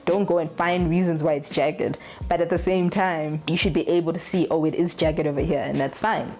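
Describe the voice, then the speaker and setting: A woman's voice: sits low, fairly even intonation, brisk, a little mellow. A young adult woman talking casually to camera in a candid, blunt way, swearing freely. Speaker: vlogger.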